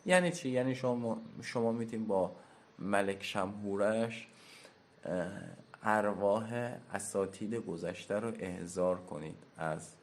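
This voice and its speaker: A man teaching in a classroom-style lecture at a whiteboard, explaining step by step and slowly spelling out pronunciations. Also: fairly low pitch. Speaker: teacher of occult lore.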